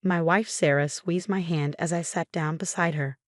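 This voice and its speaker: Woman reading a story out, low voice, dry and close, steady pace. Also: moderate pace, no echo. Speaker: narrator. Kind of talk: scripted first-person story narration.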